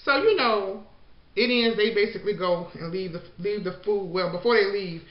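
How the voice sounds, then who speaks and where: A woman's voice: mid-range voice, normal speed. A woman recapping a show in a casual, chatty way, full of "you know" and "like," and slipping into the voices of the people she quotes. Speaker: show reviewer. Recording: echoey, dull lo-fi room sound.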